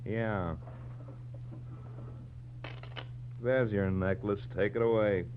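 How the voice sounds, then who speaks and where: A man acting a gruff, shrewd homicide lieutenant in a 1940s radio drama, with terse deadpan replies. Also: lowish voice, a little slow, slight background noise, lightly acted. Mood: skeptical, terse. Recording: muffled, humming 1940s radio recording.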